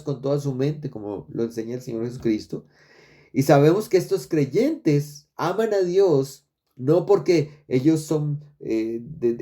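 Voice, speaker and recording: A man delivers an expository sermon from a church pulpit. His voice is mellow and dark in tone, sitting in the middle of the usual male pitch range. He speaks earnestly, often repeating words for emphasis and calling his listeners brothers. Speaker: pastor.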